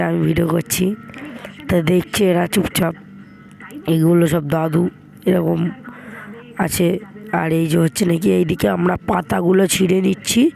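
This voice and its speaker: A hoarse young man, chatting casually to viewers as he vlogs and calls them brother. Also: high voice, a little mellow, poor audio. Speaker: vlogger. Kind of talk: casual vlog narration.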